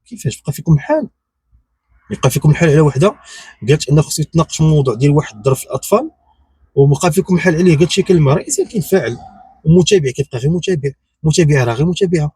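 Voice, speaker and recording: His voice is a little high, husky and mellow, with lively intonation and a racing pace, captured dry. This Moroccan-accented YouTube commentator riffs unscripted on his opinions, repetitive and insistent, lobbing one rhetorical question after another.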